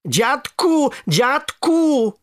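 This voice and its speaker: A storyteller voicing an excited little boy calling for his grandfather in a children's story. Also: unhurried, breathy edge, no room sound, studio quality, heavily acted. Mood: panicked. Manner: high, loud cries.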